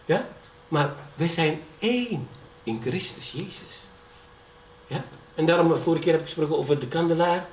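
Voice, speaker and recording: A man's voice: fairly high pitch, animated, moderate pace. A middle-aged man preaching a sermon in a church, often checking in with the congregation and rising in fervour as he testifies. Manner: keeps asking the congregation "ja?". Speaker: pastor. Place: church hall. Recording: echoey hall, from far off, faint background noise.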